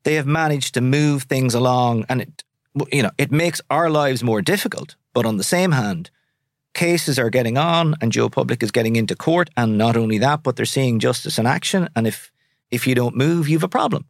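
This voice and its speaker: A man's voice: medium pitch, fairly quick, creaky, dry recording, clean studio sound. A man in his forties with a west of Ireland accent, answering interview questions in a candid, colloquial, conversational way. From Sligo, west of Ireland. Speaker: solicitor, interview guest.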